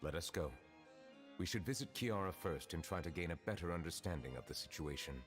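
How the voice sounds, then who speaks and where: A male voice, very deep and measured yet animated, plays an ancient dragon who has become a judge, formal and solemn with every word. Loud game music runs underneath him.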